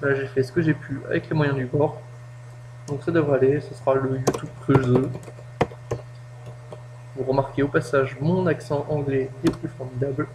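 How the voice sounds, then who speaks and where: A man's voice: steady tone, normal speed, pauses often. A man hosting a casual gameplay tutorial, explaining step by step and joking at his own expense. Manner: chatty, self-mocking, explains step by step. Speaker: gaming tutorial host. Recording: low-quality home mic with faint hum.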